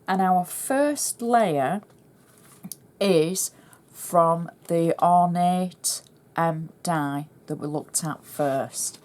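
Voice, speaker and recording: With a lowish, slightly mellow voice, a middle-aged Yorkshire woman walks viewers through making a card, chatting and describing every step while she works on it as host of the craft tutorial.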